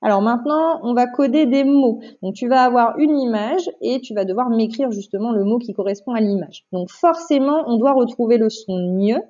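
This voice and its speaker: A woman, a primary school teacher, giving a remote phonics lesson to a child, patient and clear, repeating each syllable for dictation. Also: fairly high pitch, dark tone. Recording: dull lo-fi home recording.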